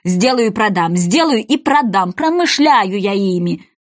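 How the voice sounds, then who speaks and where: A woman's voice: mid-range voice, animated, unhurried, close to an everyday voice. A woman voicing a flustered, apologetic male hat-maker who mumbles his answers at a storybook trial.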